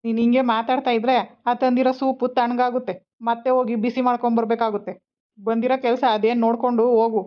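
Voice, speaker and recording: An actress playing a teasing husband torn between two wives, with a quick, teasing way of talking. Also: female voice, on the high side, flat delivery, close to an everyday voice. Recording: dull lo-fi sound.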